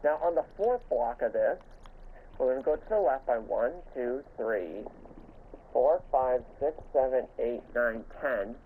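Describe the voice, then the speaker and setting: In a game tutorial, a male host comments casually on his building, stumbling and repeating himself, with the odd stutter. His medium-pitched voice is expressive and unhurried, but the audio is narrow and tinny with a little hiss or hum.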